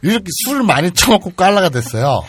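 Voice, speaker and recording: A man with a husky voice hosting a casual, jokey talk show chat. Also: sits high, sing-song, fast, a loud crowd. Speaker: podcast host.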